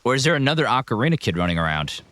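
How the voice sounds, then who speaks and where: A man's voice: mid-range voice, very animated, rapid-fire, fairly bright tone. A man streaming a video game, chatting casually with his viewers as he plays. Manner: chatty, answering chat as he plays. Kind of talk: casual gameplay commentary.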